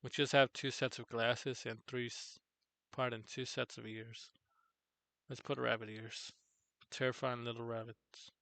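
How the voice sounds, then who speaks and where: Male streamer-teacher, worn out, slow and halting, rough fry in the voice. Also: little pitch movement, bright, forceful tone, no echo. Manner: halting, self-correcting, low-energy. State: tired. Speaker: streamer teaching 3D character software. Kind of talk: live tutorial stream.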